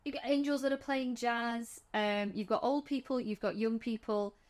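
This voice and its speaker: A woman's voice: fairly high pitch, normal speed, a little mellow. Chatty woman recapping a film. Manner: chatty, restarts often, vivid retelling. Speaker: podcast co-host. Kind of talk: casual film discussion.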